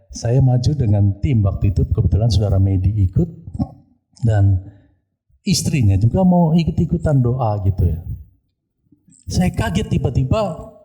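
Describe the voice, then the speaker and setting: A man's voice: medium pitch, dark tone, slightly rough, rough recording. A male pastor telling a story during a church service, often turning to address the congregation. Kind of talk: sermon testimony.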